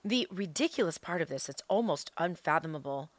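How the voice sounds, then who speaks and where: A woman's voice: on the low side, animated, no echo. A woman podcast host giving an opinionated political monologue, emphatic, repeating phrases for effect and putting rhetorical questions to listeners. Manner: emphatic, with deliberate repetition for effect.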